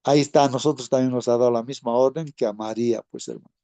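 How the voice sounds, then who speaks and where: A man's voice: medium pitch, steady tone, quick pace, dark tone, no room sound. A man giving an informal Sabbath School Bible lesson, speaking conversationally, often calling listeners brothers and asking tag questions.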